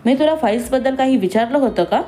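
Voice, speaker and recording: A woman's voice: medium pitch, brisk, faint music behind, natural voice. A woman voicing a stern, short-tempered male boss. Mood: irritated. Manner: sharp, scolding, raises his voice.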